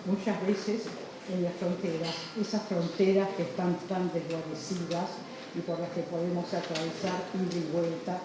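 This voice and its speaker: A woman gives a speech at a ceremony. Her voice sits a little low. The recording is very reverberant, with clear background noise. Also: level tone, normal speed. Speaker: speaker at a ceremony. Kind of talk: public speech. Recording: very echoey hall, background noise.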